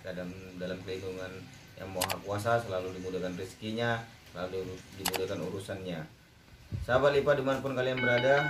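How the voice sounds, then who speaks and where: A man's voice: on the low side, background noise. A man hosting a casual cooking tutorial, chatting to viewers as friends while he works. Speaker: cooking vlog host. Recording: roomy sound, distant mic, music behind.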